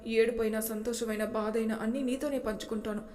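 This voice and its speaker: A woman's voice: fairly high pitch, fairly even intonation, brisk, a little mellow, reverberant, big-room sound, lightly acted. A woman voicing a tearful, hurt young wife who pleads emotionally, in a storybook reading. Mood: pleading.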